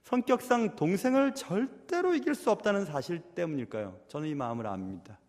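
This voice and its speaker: A man's voice: sits high, lively intonation, fairly quick, darkish tone. A male pastor delivering an earnest sermon to his congregation, posing rhetorical questions to them. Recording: echoey hall reverb.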